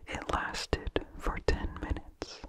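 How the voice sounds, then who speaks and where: A narrator reads vintage horror fiction in a breathy, unvoiced ASMR whisper, phrasing slowly and deliberately. The sound is a bit bright.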